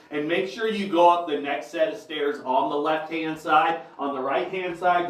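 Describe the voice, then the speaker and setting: A man's voice: fairly high pitch, far from the mic. A man leading a group through an underground cave as tour guide, giving friendly directions and safety tips while his voice echoes off the rock. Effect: cave echo. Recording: echoey cave, voice heard from afar.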